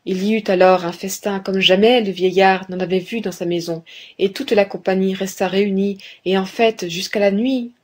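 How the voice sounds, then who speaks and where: A woman reading a fairy tale aloud in a calm storybook manner, now and then speaking straight to the reader. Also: medium pitch, moderate pace. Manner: calm, clear storybook narration, addresses the reader.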